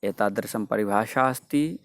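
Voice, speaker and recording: A man's voice: on the low side, a little slow. A male teacher explaining grammar and reciting word forms for students to repeat. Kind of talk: Sanskrit grammar lesson with drills.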